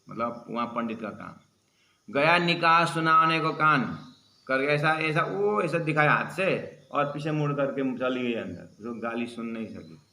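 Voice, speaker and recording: A man's voice: medium pitch, sharp tone. A man teaching a religious class, retelling a story and stopping to explain the meaning of its words. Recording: echoey room.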